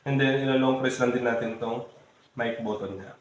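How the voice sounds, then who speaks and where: Speaking with a Filipino accent, a man walks viewers through a product step by step in a casual tutorial, talking to them often. He has a medium-pitched, steady voice and speaks a little fast, in a very echoey room with faint background noise.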